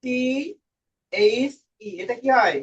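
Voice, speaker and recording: A man's voice: extremely high pitch, slow. A man teaching an English lesson, quizzing his students and mixing English words into his talk. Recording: dull lo-fi recording.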